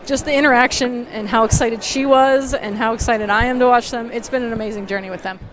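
A woman in her thirties, a high school volleyball coach, answering postgame questions earnestly with many filler ums, on a headset mic courtside in an empty gym. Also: fairly even intonation, quick pace, crowd noise. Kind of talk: postgame interview.

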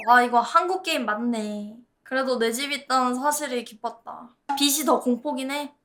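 A woman's voice: sits high, sharp tone, slight background noise. A woman streaming a horror game, commenting and reading the text aloud in a scared, jumpy manner with exclamations. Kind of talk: gameplay commentary with on-screen text read aloud.

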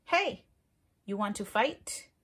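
A woman voicing a grouchy, pushy little ladybug who loudly picks fights. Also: animated, slow pace, breathy edge, exaggerated voice. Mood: challenging. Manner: high, loud, challenging.

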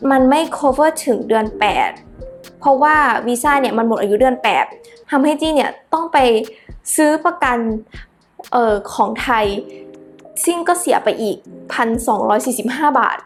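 A young woman vlogger speaks in a casual, chatty way, with plenty of small fillers. Her voice sits high. Faint music plays under her talk. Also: normal speed. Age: young adult. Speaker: vlogger, exchange student. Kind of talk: casual vlog explanation.

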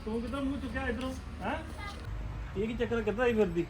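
An actor playing a gruff father who bickers with his wife and keeps asking "huh?" in a family drama. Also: very high-pitched, quick pace, music in the background. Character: gruff older father-in-law.

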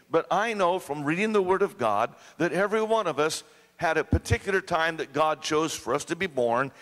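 Man preaching a sermon in a reverberant church. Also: on the high side. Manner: preaching with big swings between hushed and climactic. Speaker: pastor. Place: church sanctuary.

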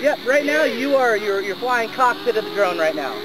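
An easygoing man chats outdoors in a park about flying drones, his replies short and relaxed. The recording picks up plenty of open-air background noise around him. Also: extremely high pitch, moderate pace. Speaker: drone pilot. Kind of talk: casual chat outdoors.

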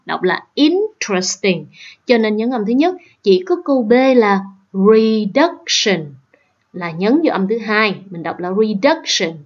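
A woman's voice: mid-range voice, lo-fi sound. A woman teacher with a Southern Vietnamese accent, patiently explaining exam questions step by step and checking in with her students. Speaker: English teacher. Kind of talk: exam prep lesson.

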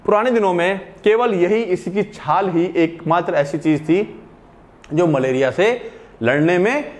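A young male teacher with a fairly high voice, lecturing at an easy pace. He reads out textbook lines slowly and then explains them again in simpler words. He keeps checking in with his students to see whether the point is clear. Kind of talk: classroom lecture.

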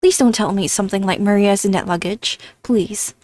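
A woman's voice: mid-range voice, normal speed, darkish tone. A woman streamer reading game narration aloud with earnest storytelling and wry asides.

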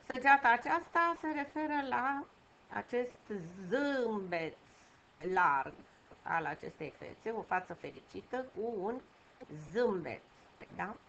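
A woman's voice: on the high side, expressive, a bit bright. Patient woman teacher, dull recording. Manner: patient, repeats key words slowly with fillers. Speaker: primary school teacher. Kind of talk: online lesson for young children. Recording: dull home recording with faint noise.

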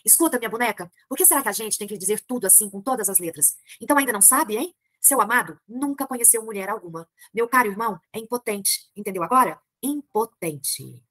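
A woman's voice: on the high side, lively intonation, fast, few pauses, a bit bright, dry recording, voice pushed up. A Brazilian woman reading a novel aloud, voicing a worldly woman who teases and talks down to a younger one. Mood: teasing. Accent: Brazilian Portuguese. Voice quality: mocking, patronizing.

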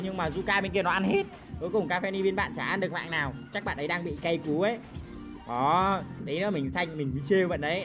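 A woman giving excitable live commentary over her mobile game play, jumping between loud outbursts and low muttering, swearing playfully. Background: game background music.

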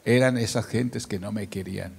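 A man's voice: fairly low pitch, moderate pace, gravelly, husky, long reverb tail. An older man, a pastor, telling his story in a sermon and acting out the dialogue. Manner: storytelling, acts out dialogue, grows loud and emotional. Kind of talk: sermon testimony.

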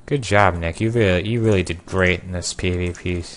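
A young man casually commenting on his own gameplay, joking and sarcastic, with sudden loud outbursts. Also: low-pitched, steady tone, moderate pace, a little hiss or hum. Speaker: gameplay video creator.

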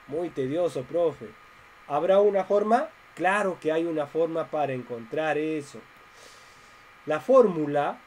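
Male math teacher, patient, quizzing students, slow delivery, dark mellow tone, faint noise behind. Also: a little high, low-quality recording. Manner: patient, step-by-step, asks students questions. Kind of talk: online class lecture.

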